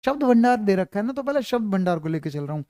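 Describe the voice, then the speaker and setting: A man's voice: sits high, big pitch swings, fast talker, dark tone, no echo, studio quality. A man teaching a grammar class to students, repeating points, often checking that they follow and calling them "beta" to reassure them. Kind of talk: online class lecture.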